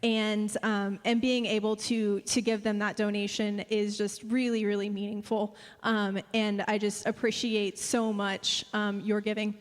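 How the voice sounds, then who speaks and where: A woman gives an informal thank-you address to a congregation as a church speaker, earnest and halting in her delivery. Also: mid-range voice, level tone. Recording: echoey hall with long reverb.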